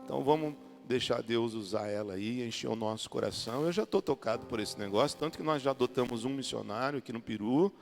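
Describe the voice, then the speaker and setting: A pastor with a Brazilian Portuguese accent introduces a guest to his church, joking in a colloquial way. His mid-range, gravelly voice moves quickly with few pauses, recorded in a reverberant church hall with music.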